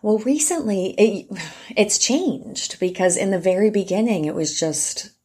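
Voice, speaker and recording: A woman who narrates audiobooks, chatting as a podcast guest and telling stories in an animated way, often laughing. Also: mid-range voice, measured pace, husky. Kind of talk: casual podcast chat.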